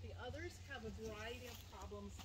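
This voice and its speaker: Higher voiced lady guiding a wildlife tour outside, explaining stuff to the group, really noisy recording. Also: fast talker. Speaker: wildlife sanctuary tour guide. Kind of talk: informal educational tour talk. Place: outdoors among animal enclosures.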